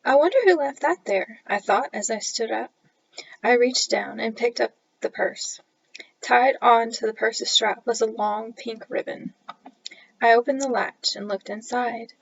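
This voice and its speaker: Gravelly-voiced woman reading her story. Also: a little high, unhurried, no echo. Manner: animated, playful storytelling. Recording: dull lo-fi recording.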